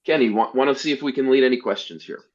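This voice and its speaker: A man presenting a church-software webinar, talking earnestly with many restarts and repeated words. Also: medium pitch, quick pace, lo-fi sound. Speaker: workshop presenter.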